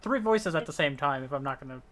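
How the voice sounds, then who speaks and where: A man's voice: fairly high pitch, expressive, fast talker, a bit bright. A man talking casually as a player in a tabletop role-playing game.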